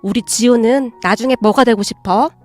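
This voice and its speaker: Woman playing a gentle stepmother, soft, soothing, old-fashioned speech, faint music. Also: a little high, normal speed, close to an everyday voice. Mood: tender. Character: gentle, long-suffering middle-aged stepmother.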